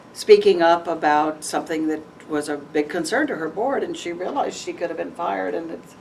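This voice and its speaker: A woman with a notably low voice tells her story candidly, with an animated lilt and easy laughs. She is caught at a distance from the mic, so her voice sounds set back in the room. A faint hiss sits beneath her words. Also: normal speed, gravelly. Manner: frank and animated, laughs often. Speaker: interview guest. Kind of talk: candid conversational interview. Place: event venue with audience tables.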